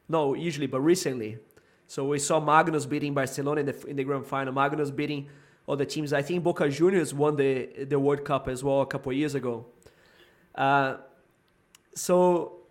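A man, a guest coach in a casual sports chat, speaking English as a with thoughtful, halting phrasing. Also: on the high side. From Brazil. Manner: thoughtful, hesitant, repeats words while searching for them.

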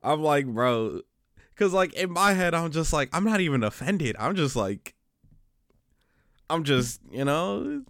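Smooth-voiced man telling laid-back stories. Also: fairly high pitch, sing-song, unhurried, long pauses, fairly bright tone, no room sound, studio quality. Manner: laid-back, slangy storytelling with frequent restarts. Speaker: podcast co-host; special education teacher. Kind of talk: casual chat.

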